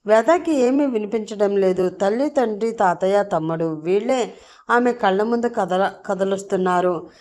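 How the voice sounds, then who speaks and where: Woman storyteller, scripted narration, steady, dramatic, mid-pitched. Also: moderate pace.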